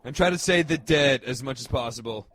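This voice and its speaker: A man co-hosting a podcast over a video call, chuckling and filling pauses with "uh.". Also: mid-range voice, a bit bright, no room sound. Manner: chuckling, filler-heavy hosting. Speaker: podcast co-host.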